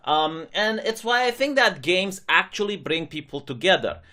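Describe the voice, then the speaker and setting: A man's voice: high voice, lively intonation, moderate pace, pushed and bright. A young man from Romania, a channel host, giving sarcastic opinion commentary. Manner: sarcastic, mocking imitations of critics.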